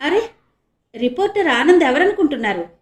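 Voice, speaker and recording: A woman's voice: sits high, sing-song, normal speed, pitched above the performer's own voice. A woman voicing a sly rich young woman. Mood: teasing. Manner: loud, teasing. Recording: echoey room.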